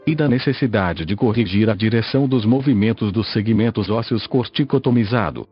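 Synthetic Brazilian male voice, slightly husky. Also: mid-range voice, muffled recording. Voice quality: synthetic text-to-speech voice. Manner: mechanical, evenly measured reading. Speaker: podcast host. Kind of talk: scripted podcast narration.

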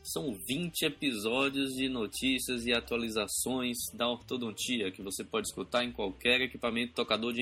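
A man's voice: lowish voice, bright, forceful tone. A Brazilian man hosting a podcast, reviewing news informally and hesitating as he explains. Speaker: podcast host, orthodontist.

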